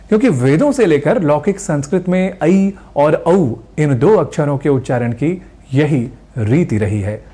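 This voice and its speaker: A man with a slightly high voice teaches pronunciation in a scripted broadcast lesson. He speaks carefully and deliberately, and he slows down to model each sound clearly. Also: a little mellow. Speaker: Sanskrit language teacher.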